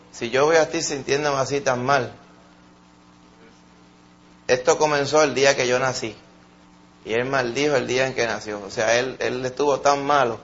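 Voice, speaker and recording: A man with a Puerto Rican accent preaching a sermon, swinging between loud emphatic peaks and soft, low asides. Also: lo-fi sound, a little hiss or hum.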